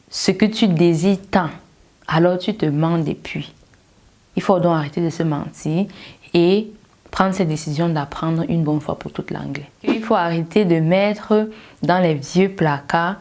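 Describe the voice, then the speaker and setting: A woman with a fairly low voice talks straight to her viewers as a language coach. She delivers a motivational lecture, driving her points home with emphatic, pointed rhetorical questions. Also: a little mellow. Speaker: English learning coach.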